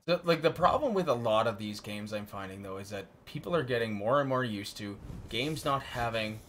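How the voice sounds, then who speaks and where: A man co-hosting a casual gaming podcast, opinionated and quick to complain. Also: medium pitch, expressive, fairly bright tone, slight background noise. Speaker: podcast co-host. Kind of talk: casual gaming news chat.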